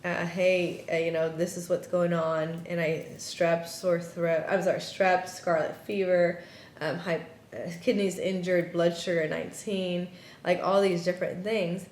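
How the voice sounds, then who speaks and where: A woman's voice: flat delivery, a little slow, darkish tone. A woman telling a personal story in conversation, animatedly acting out the quoted dialogue. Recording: roomy echo with faint rumble.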